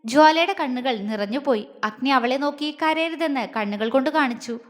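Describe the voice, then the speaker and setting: A woman storyteller narrates a dramatic audio series with a steady reading voice. Her voice sits high, and a long reverb trails after it. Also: normal speed.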